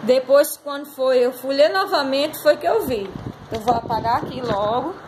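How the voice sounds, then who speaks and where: A woman's voice: high voice, moderate pace, background noise. A woman teacher going over a class exercise, patiently explaining step by step and drawing out words. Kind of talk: recorded class lesson correcting exercises.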